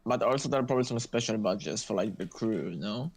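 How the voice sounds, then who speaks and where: A man's voice: fairly low pitch, a little fast. A man in a casual chat as a co-host, with an inquisitive way of talking.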